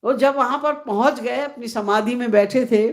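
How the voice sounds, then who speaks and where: A woman telling devotional stories in a sermon, unhurried and reverent, chanting scripture verses now and then. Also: a little high. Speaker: devotional storyteller.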